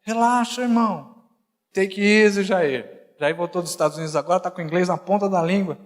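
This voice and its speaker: A middle-aged male pastor preaching a sermon, joking and conversational, then rising to shouted emphasis. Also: high-pitched, quick pace. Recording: long hall reverb.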